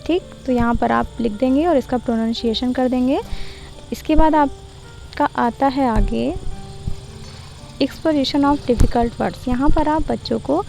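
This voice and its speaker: High, mellow-voiced woman tutor. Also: creaky, faint music behind, low-quality recording. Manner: mixes Hindi and English, reads quoted English lines slowly. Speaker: teacher-training tutor. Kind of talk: explaining a lesson plan to students. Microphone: voice-over for screen slides.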